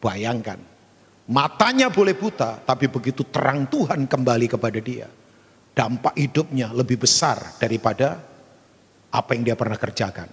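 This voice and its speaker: A male pastor preaching a sermon, animated and acting out stories with big jumps in pitch. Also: moderate pace, slightly rough. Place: church hall. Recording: long hall reverb.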